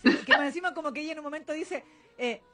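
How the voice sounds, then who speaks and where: A woman's voice: high voice, rapid-fire, over music. A young Chilean woman co-hosting a podcast in casual chat, slangy and laughing often, acting out lines in silly voices. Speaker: podcast co-host.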